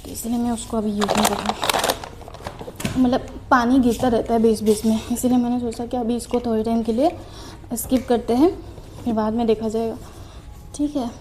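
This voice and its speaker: Chatting casually as she tidies her study desk at home, a young woman student vlogger speaks in a slightly high voice with fairly even intonation at normal speed, pausing often. The background is noisy. She's self-mocking, a little out of breath and mixes in English phrases.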